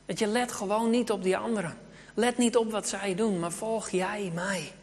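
God talking slow and soft to a boy, preacher doing it, big hall echo. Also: mid-range voice, steady tone, lightly acted. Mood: calm. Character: God speaking gently to a boy.

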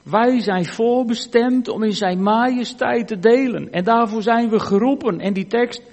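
High-voiced preacher in a reverberant church. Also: male voice, a little slow. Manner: earnest, swings from emphatic to hushed. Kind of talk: sermon.

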